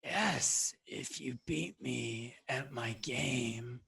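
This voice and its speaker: A game master voicing an undead male maze keeper, speaking in a rasping, wheezing, breathy whisper. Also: medium pitch, very slow, fairly bright tone, heavily acted. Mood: eerie. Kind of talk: voicing a creature in a tabletop game.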